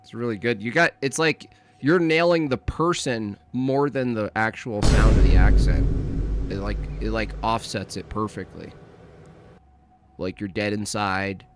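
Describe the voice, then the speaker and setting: A man's voice: fairly low pitch, fairly even intonation, a little slow. Teasing, rambling male podcast host. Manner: teasing, rambling, laughs at his own jokes. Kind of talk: casual banter.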